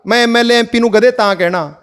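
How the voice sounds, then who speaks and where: A man's voice: extremely high pitch, quick pace, a bit bright, clear, resonant tone. A man with a Malwa Punjabi accent speaking to villagers, asking rhetorical questions and telling folk parables. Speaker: activist speaker. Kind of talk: village public address.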